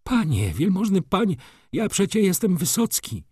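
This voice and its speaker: A man's voice: mid-range voice, animated, unhurried, dry recording, clean studio sound, pitched above the performer's own voice. A man voicing a humble, pious railway lineman who pleads and consoles in a raised voice. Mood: pleading.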